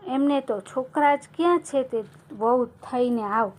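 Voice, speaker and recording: A woman's voice: sits high, unhurried, darkish tone. Woman doing a nosy gossiping neighbor.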